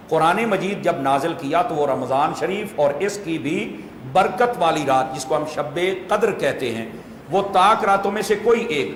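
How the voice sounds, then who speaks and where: A man's voice: on the high side, a little hiss or hum. A man gives a sermon. He explains points patiently and puts rhetorical questions to his listeners. His voice rings with a long hall echo over faint room ambience. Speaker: preacher.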